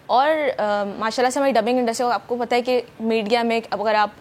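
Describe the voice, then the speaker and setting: A woman's voice: on the high side, fairly even intonation. A young woman from Pakistan, a voice-over artist, chatting eagerly in a morning show interview with many fillers. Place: TV studio.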